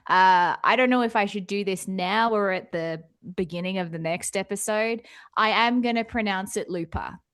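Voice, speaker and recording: A woman's voice: medium pitch, moderate pace, a bit bright, clear, resonant tone, dry recording, studio quality. An Australian woman co-hosting a podcast, chatting casually about a film and laughing often. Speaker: podcast co-host.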